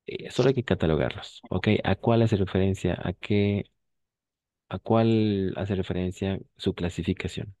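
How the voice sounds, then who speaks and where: Low-voiced guy teaching french, dark mellow tone, dry sound, patient and clear. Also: measured pace, no room sound. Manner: patient, switches between Spanish and French, drills pronunciation. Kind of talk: online class, explaining in Spanish and French.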